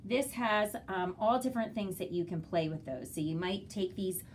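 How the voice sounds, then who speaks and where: A woman's voice: mid-range voice, expressive, moderate pace, a little hiss or hum. A woman kindergarten teacher giving parents an instructional walkthrough, explaining things simply, step by step.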